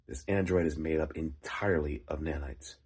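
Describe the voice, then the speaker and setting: A man with a gravelly, phlegmy voice telling a story casually in halting short phrases, like a writer hosting his own vlog. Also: a bass voice, a little mellow. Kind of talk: casual rambling storytelling monologue.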